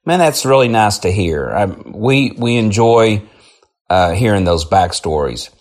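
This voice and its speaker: Man, show host, deeper voice, upbeat, effusive. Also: expressive, unhurried, a little mellow. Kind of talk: interview hosting.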